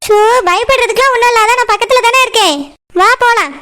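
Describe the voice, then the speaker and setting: A woman voicing a bold, bossy young girl in a cartoon, teasing and scolding briskly with a Kanyakumari Tamil accent. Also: very high-pitched, pushed and bright. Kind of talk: cartoon voice acting.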